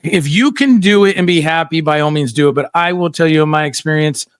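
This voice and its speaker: A man's voice: a little high, fairly quick, clear, resonant tone, dry recording, clean studio sound. A middle-aged man hosting a casual livestream chat, telling stories bluntly and animatedly with lots of fillers. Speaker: podcast host.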